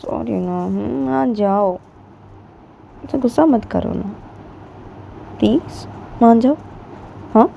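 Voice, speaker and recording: A woman voicing a gentle young woman who apologizes and pleads in a soft, half-whispered voice. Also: medium pitch, a little fast, gravelly, dull audio, slight background noise, pitched above the performer's own voice, close to an everyday voice. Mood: pleading.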